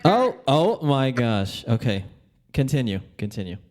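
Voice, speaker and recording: A man's voice: medium pitch, sing-song, a little slow, a little mellow. A man co-hosting a podcast in casual chat who laughs a lot and says "like" often. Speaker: co-host. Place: home, talking remotely.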